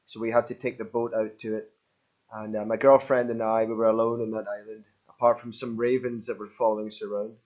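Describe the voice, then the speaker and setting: A man from Scotland with a mild Scottish accent, a band front man chatting casually in an interview, rambling, repeating words and laughing easily. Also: mid-range voice. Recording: dull lo-fi sound.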